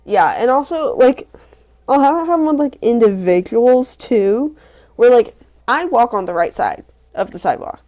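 Young woman, high-ish and very animated, says "like" a lot. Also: normal speed. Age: young adult. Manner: animated storytelling, many "like" fillers. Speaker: podcast co-host. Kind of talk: casual chat.

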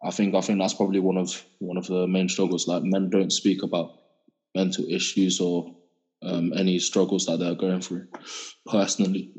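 A man's voice: low-pitched, flat delivery, normal speed, a little mellow, slightly rough, poor audio. A young man in his twenties with an English accent, talking colloquially in a reflective, casual podcast chat. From England. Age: 20s. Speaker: podcast panellist.

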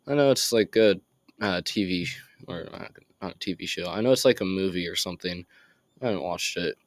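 A man's voice: low-pitched, brisk, no echo. A teenage boy casually recapping a video game story, rambling, getting sidetracked and apologizing for it. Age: teens.

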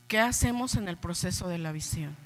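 A middle-aged woman pastor with a Mexican accent preaching a lively sermon, urging her congregation and acting out voices. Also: fairly low pitch, fairly quick. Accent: Mexican Spanish.

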